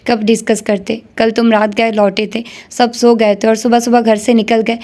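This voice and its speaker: A woman voicing a calm, gentle but firm older mother. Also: a little high, lightly acted. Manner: calm, soothing.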